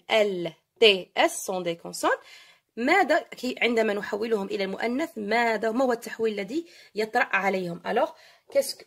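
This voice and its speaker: Lady teaching french, fairly high voice, goes over words slow and keeps asking "d'accord?". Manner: switches between French and Arabic, repeats words slowly and asks "d'accord?". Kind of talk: classroom-style French grammar lesson.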